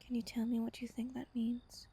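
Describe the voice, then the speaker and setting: Speaking softly as a wistful, gentle vampire woman, this voice actor whispers a bedtime story with breathy intimacy and tenderness. Her pitch is fairly high, her delivery monotone and moderately paced, and the mood feels regretful and hushed.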